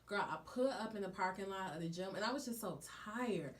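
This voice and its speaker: A woman co-hosting a casual podcast, talking in a lively, storytelling way. She uses easy slang and keeps the chat loose and friendly, at an ordinary middle pitch. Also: fairly quick. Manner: chatty, animated storytelling with slang. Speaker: podcast co-host.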